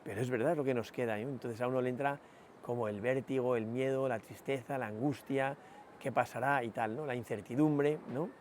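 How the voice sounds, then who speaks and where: Reflective priest. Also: male voice, medium pitch, fairly even intonation, brisk, a little mellow, slight background noise. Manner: reflective, many rhetorical "¿no?" asides and hesitations. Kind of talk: spoken meditation, sermon.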